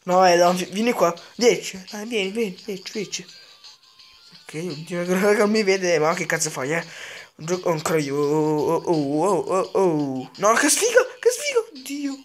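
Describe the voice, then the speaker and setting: A man giving excitable live gameplay commentary as a gaming channel host, swearing a lot and repeating words in rapid bursts. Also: high-pitched, faint music behind.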